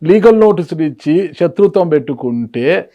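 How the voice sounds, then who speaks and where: A man's voice: a little high, lively intonation, normal speed, muffled recording. A man who is a journalist, interviewing a guest and asking challenging, pointed questions.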